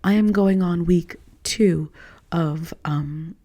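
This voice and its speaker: A young woman hosting her podcast in casual solo chat while sick. Her voice is hoarse, and she talks in a chatty, self-mocking way with joking asides. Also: on the low side, slow, warm tone. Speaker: podcast host.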